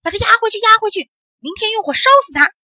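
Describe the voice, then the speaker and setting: A woman's voice: very high voice, fast talker, pushed and bright, no echo, clean studio sound, pitched above the performer's own voice, exaggerated voice. A woman voicing a cruel, blustering male official who shrieks his orders in a children's story. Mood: raging shouts.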